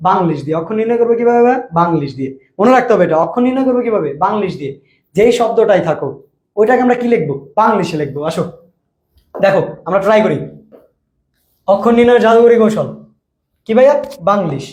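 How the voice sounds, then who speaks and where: A young male teacher with a colloquial Bangladeshi accent, his voice high for a man, lectures students in a casual style. He keeps asking whether they understand and stretches example words out slowly. The recording carries a roomy echo. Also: expressive, a little mellow, highs cut off. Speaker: admission coaching teacher.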